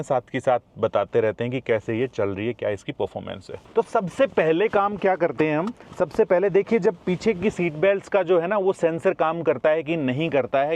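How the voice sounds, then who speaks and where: A man's voice: on the high side, a little mellow, dull audio. A man casually reviewing a new car, talking straight to his viewers as friends, partly from behind the wheel. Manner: chatty, addresses viewers directly as friends. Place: in and around a car, partly while driving.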